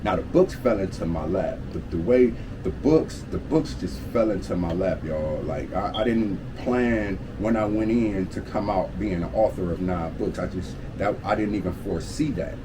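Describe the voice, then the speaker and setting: Low-voiced man telling his story, hum behind. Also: moderate pace, few pauses. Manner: streetwise slang and profanity, constant "you feel me" check-ins. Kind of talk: casual storytime monologue. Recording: steady air-conditioner hum behind the voice. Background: air conditioning hum.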